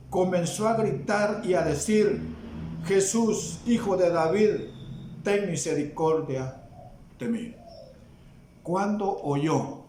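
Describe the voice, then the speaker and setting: A Salvadoran man preaches a sermon at an unhurried, emphatic pace. His voice sits somewhat high and rings through an echoey church room. He keeps turning to the congregation with questions. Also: darkish tone, slight background noise. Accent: Salvadoran Spanish. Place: church hall.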